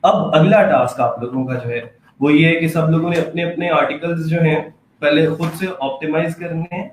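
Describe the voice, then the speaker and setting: A man's voice: on the high side, steady tone, normal speed. A man teaching a class, explaining patiently with many fillers and check-ins. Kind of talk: classroom lesson. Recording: echoey room, faint background noise.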